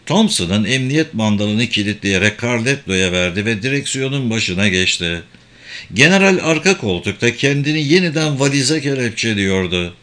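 A man narrating a dramatic audiobook in a steady reading voice. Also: mid-range voice, normal speed.

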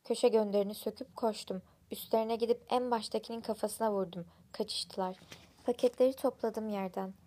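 A woman's voice: fairly high pitch, steady tone, normal speed, dark tone. A woman reading a first-person story aloud, in blunt, slang-laden narration.

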